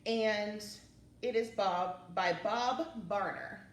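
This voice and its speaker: A woman hosts story time for young children, reading aloud and chatting in a singsong, encouraging way. Her mid-range voice moves slowly. The recording sounds roomy, with a distant mic and faint background noise.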